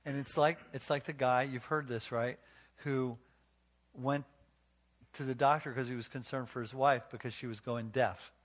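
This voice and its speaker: A man's voice: medium pitch, fairly even intonation, moderate pace. A man preaching a marriage sermon to a congregation, his voice sitting in a middle register. He tells homespun stories in a folksy way, stumbling over restarts. He keeps turning to the crowd with questions. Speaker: pastor.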